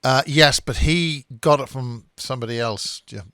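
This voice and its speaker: A man interviews a guest, cutting in often. He stumbles and repeats words as he works toward his point. His pitch sits in the middle range for a man. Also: normal speed, fairly bright tone, clean tone. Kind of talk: conversational interview.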